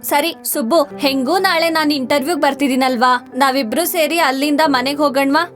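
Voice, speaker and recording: A woman's voice: high voice, normal speed, a bit bright, soft background music. An actress playing a strong-willed young wife who lectures and teases her husband. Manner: bossy, lecturing, teasing. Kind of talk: TV drama acting.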